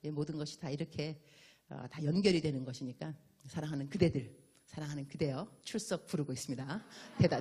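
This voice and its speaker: A woman missionary preaching a sermon in an animated, playful way, acting out little dialogues. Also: deep voice.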